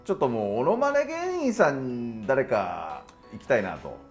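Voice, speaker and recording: A man, an off-camera staff member, prompting the host with brisk questions. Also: medium pitch, big pitch swings, faint music behind.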